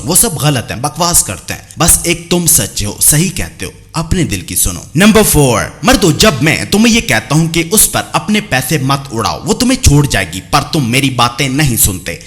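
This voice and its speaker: A man's voice: medium pitch, very animated, brisk, few pauses, fairly bright tone. A man delivering a scripted, sarcastic voice-over monologue as a channel host, lecturing his listeners and calling them brothers.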